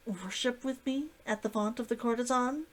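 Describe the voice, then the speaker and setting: A woman's voice: on the high side, moderate pace, close to an everyday voice. A woman voicing a confident, blunt and coy female hunter in a story reading. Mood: coy, eager. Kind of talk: acted dialogue in a story reading.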